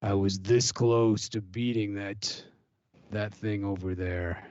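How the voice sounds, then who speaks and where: A man voicing a grim, proud male arena fighter who speaks slowly and ominously. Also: on the low side, steady tone, a little mellow, no room sound, voice pushed down. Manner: slow, ominous, halting. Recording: dull lo-fi audio.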